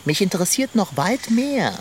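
A woman's voice: medium pitch, big pitch swings, moderate pace, very noisy, close to an everyday voice. A woman voicing a fat, pompous, always hungry male tomcat in a children's radio play, talking in a dry, lofty, sarcastic way.

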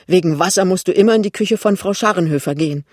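Ein Mann liest einen verlegenen jungen Ehemann. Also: male voice, high voice, a little mellow, no echo, clean studio sound, pitched above the performer's own voice. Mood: flustered. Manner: hurried, embarrassed. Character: flustered young husband, shy and hasty. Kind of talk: audiobook reading.

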